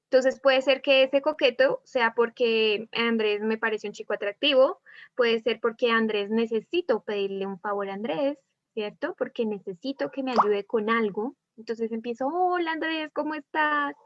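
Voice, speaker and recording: A woman with a Colombian accent teaching a class online. Her voice sits fairly high as she keeps putting questions to her students and acts out different tones. The audio is dull, dry and lo-fi, like a video call. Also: normal speed, dry recording. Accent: Colombian Spanish. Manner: asks students many questions, demonstrates tones of voice.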